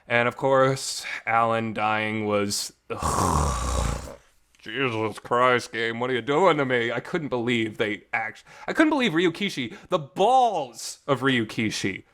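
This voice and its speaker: In an echoey amateur home recording, a visual novel review show host speaks slowly but very animatedly, with vocal fry and a fairly bright mid-range voice. His casual, unscripted review is emotional and emphatic, sprinkled with mild swearing.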